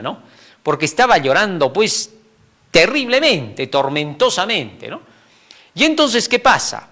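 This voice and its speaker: Male Bible lesson teacher, a bit high-pitched, highly expressive intonation, animated and chuckling as he explains. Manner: animated, frequent tag questions, chuckles between points.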